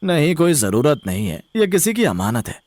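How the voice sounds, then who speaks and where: A man doing a lively cartoon family father. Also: a little high, normal speed, no echo. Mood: firm. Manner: lively, expressive. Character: good-humored, mildly nervous poor family father. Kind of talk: animated cartoon voice acting.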